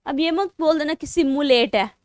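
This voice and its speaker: An Indian-accented woman teaches English spelling online for exam prep, spelling words letter by letter and mixing Hindi with English. Her voice is high-pitched at a moderate pace, in clean studio sound without echo.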